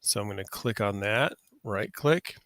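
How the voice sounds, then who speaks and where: Bright, casual male software tutor. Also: fairly low pitch, animated, unhurried, dry recording, clean studio sound. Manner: casual, talks through each click, self-correcting. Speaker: software instructor. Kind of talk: screen-recorded tutorial.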